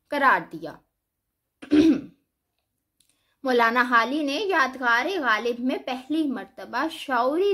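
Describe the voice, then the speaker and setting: Female teacher, high voice, measured scripted lecture delivery. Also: a bit bright. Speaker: Urdu teacher.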